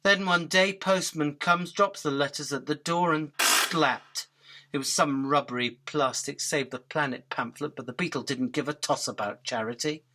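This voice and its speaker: In an illustrated radio drama, a man voices a cheeky male fly caught by a spider, using a highish, very bright, forceful voice at a moderate pace. The pleading, fast-talking fly wheedles and rambles in a chatty, storytelling mood, swinging between grovelling politeness and impudent bargaining.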